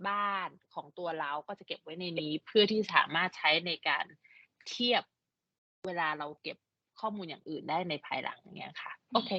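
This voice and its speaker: Fast-talking Thai-native woman interpreting on a video call, somewhat low voice, dry lo-fi call audio. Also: vocal fry, bright, forceful tone, no echo. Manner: rapid restating and checking of points.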